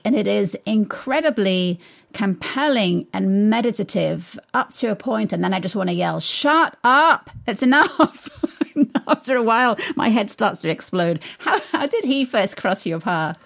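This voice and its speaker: A woman hosts a radio interview, her questions curious and lively. Her voice carries a gravelly, creaky edge at a middling pitch. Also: moderate pace. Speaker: radio show host.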